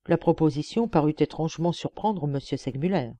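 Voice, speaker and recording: A woman narrating a literary audiobook, measured and expressive. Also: low-pitched, dry recording. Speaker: audiobook reader.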